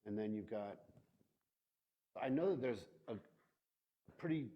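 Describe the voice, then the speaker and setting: A man's voice: lowish voice, expressive, a little slow, slightly rough, highs cut off. A man chairing a formal public meeting, recorded in a county meeting room. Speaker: commission chairman running a public hearing.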